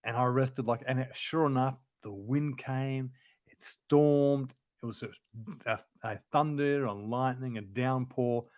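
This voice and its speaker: Male Bible teacher, mid-pitched, conversational and explanatory, close dry sound. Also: fairly even intonation, unhurried, darkish tone, no room sound. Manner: informal, explanatory, thinks aloud. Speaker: Bible lesson presenter.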